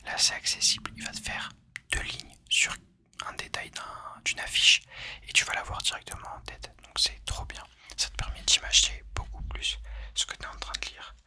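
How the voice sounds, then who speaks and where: A man speaking in a soft, unvoiced ASMR whisper, chatting informally and confidingly to the listener about recommendations. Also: normal speed, no room sound. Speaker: ASMR video host.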